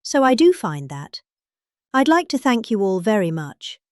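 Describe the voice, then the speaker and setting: This comic reader, a middle-aged British woman, delivers a deadpan dramatic reading full of mock solemnity, swooping pitch, weighty emphasis and pointed pauses. The recording is intimate and dry, with no surrounding room sound.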